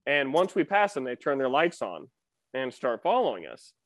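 A man's voice: mid-range voice, very animated, normal speed. A man in a casual podcast chat, telling a shared story eagerly and jumping in with corrections. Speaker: podcast guest.

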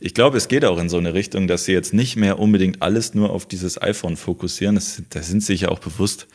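A man co-hosting a casual tech podcast, musing out loud with hesitations. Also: deep voice, fast. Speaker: podcast co-host.

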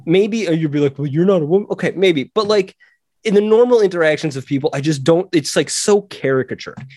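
A man co-hosting a podcast in casual chat, animated and acting out quotes in a raised voice. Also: on the high side, brisk, no echo, clean studio sound. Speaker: podcast co-host.

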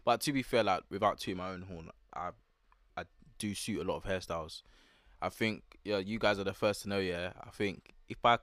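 A young man with an urban London roadman accent and a lowish, forceful voice, recorded very dry. He chats and tells stories in thick slang, repeating phrases to press his point. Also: fairly quick, no room sound. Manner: slangy, informal, emphatic repetition. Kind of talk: casual chat, anecdotes.

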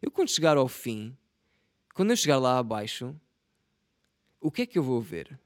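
A young man with a European Portuguese accent talks alone into the mic for his podcast, rambling and mocking himself in slang full of swearing. His voice sits at an everyday middle pitch. The sound is close and dry, with no room echo. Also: very animated, moderate pace. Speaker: podcast host. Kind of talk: casual solo podcast monologue.

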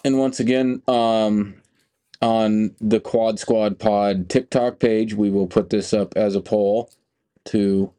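Deadpan low, mellow male voice. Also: slow. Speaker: podcast co-host. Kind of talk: casual chat.

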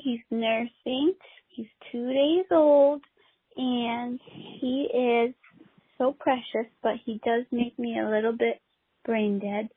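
A woman leaving a tender, halting voicemail message over a landline phone, her husky voice trailing off between phrases. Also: fairly high pitch, no room sound. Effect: voice heard over a landline phone voicemail. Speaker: new mother leaving a voicemail. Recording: tinny, dry phone-line voicemail.

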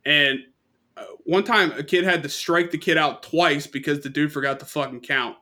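A young man on a casual podcast, telling long stories full of profanity. His voice sits somewhat high and sounds bright and forceful. He keeps laughing at his own tales. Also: steady tone, normal speed. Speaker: podcast co-host. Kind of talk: casual storytelling chat.

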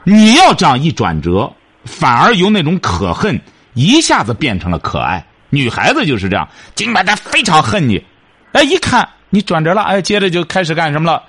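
A man's voice: a little high, wildly swooping pitch, moderate pace, a bit bright, slightly rough. A man hosting a radio advice show, lecturing a caller in an emphatic, repetitive way.

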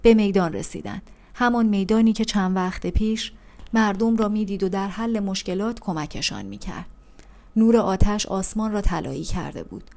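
A woman narrating an audiobook in a calm, even storytelling manner. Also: mid-range voice, creaky.

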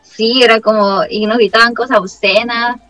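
A young woman with a Chilean accent, her voice pitched a little high, recounts her time as a missionary in casual conversation. She tells it in a lively way and keeps dropping in the filler 'como'. Faint music runs quietly in the background. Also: moderate pace, rough recording. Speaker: former missionary. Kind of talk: casual chat, telling a story.

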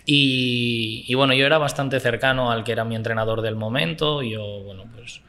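A man in his twenties from Barcelona with a Spanish accent, talking about football coaching as a podcast guest in a relaxed, thoughtful way. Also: mid-range voice, normal speed. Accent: Spanish from Spain. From Barcelona, Spain. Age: 20s. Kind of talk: casual interview chat.

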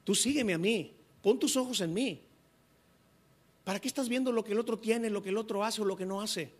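A man's voice: high-pitched, a little fast. A male pastor preaching a sermon, acting out quoted dialogue with restarts.

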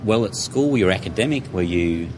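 Very deep-voiced male podcast host. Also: lively intonation, fairly quick, darkish tone, slight background noise. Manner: stumbling, repeating words when asking. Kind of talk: scripted intro, then casual interview.

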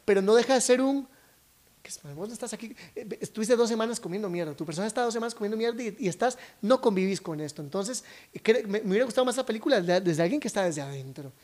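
A woman's voice: mid-range voice, animated, quick pace, darkish tone. A Costa Rican woman talking casually on a podcast about books. She is opinionated, swears freely and acts out the voices she quotes. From Costa Rica. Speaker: podcast guest who talks about books.

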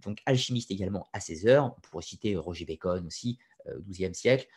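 A man's voice: sits low, animated, fast, a little mellow, husky. A man giving an unscripted lecture, explaining step by step, hesitating often with fillers and restarts, and talking straight to his listeners with opinionated asides. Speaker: lecturer on occult history.

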